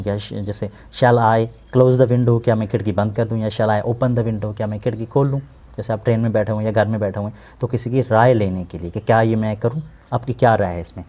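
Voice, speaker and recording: A man's voice: fairly low pitch, steady tone, brisk, warm tone. A man teaching an English lesson, patiently glossing each word and repeating it. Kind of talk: explaining an English textbook lesson.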